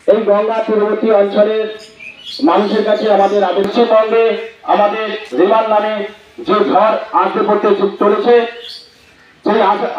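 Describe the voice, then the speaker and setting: A man making a formal, repetitive public warning through a megaphone loudspeaker as a municipal announcer. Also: sits high. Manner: formal, slow, repetitive phrasing. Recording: echoey, distant, muffled loudspeaker sound.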